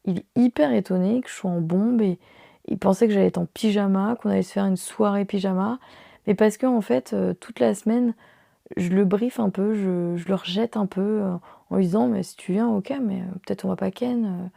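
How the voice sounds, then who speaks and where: French woman podcaster, gravelly low voice, rambling candid story, dry close sound. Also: moderate pace, warm tone, dry recording. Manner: candid, conversational, many fillers. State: unwell. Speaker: podcast host. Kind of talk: personal storytelling.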